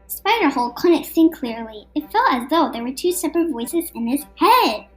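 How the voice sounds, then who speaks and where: A woman with a high, sing-song voice narrates a scripted superhero-style children's story at a moderate pace. She's a storybook reader for a podcast, and music plays behind her.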